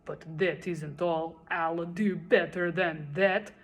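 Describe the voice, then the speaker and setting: A woman's voice: on the low side, steady tone, slow, pitched below the performer's own voice. Woman doing a bellowing, pompous male turtle king. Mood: imperious, bellowing. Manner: bellowing, imperious, self-admiring.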